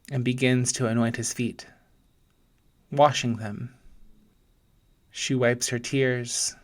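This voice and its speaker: Here a man acting as a pastor guides listeners through meditation, voicing scripture as an imagined scene. His medium-pitched voice moves very slowly, gentle and deliberate, with pauses separating short phrases.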